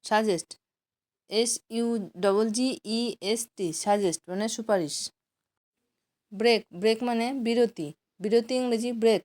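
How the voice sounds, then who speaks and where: A woman teaching English vocabulary as a slow drill, repeating each word, spelling it letter by letter and giving its meaning. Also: medium pitch, a little mellow.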